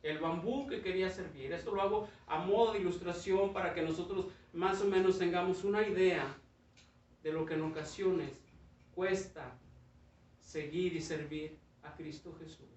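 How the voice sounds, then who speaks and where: Predicador de voz aguda con eco. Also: male voice, sits high, steady tone, normal speed, darkish tone, far from the mic. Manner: storytelling, builds in intensity. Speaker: preacher. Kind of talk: sermon. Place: church hall. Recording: echoey dull church sound from afar.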